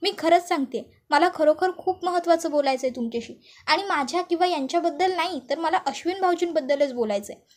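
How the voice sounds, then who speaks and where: A woman's voice: very high voice, fast. A woman voicing a young daughter-in-law who pleads and persuades. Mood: pleading.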